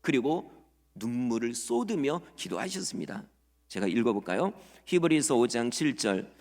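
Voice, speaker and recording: A male pastor giving a Sunday sermon, acting out prayers and quoted speech with animated swings in his voice. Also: medium pitch, normal speed. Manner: lively preaching, acts out prayers and quotes in voices. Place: church sanctuary. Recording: long church reverb.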